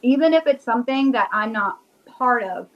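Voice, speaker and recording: With a voice on the high side, expressive and at a moderate pace, a woman from Rhode Island speaks as a guest in a casual video-call interview. The witch and paranormal investigator chats eagerly in her local accent, sprinkling in "like," while the highs are cut off.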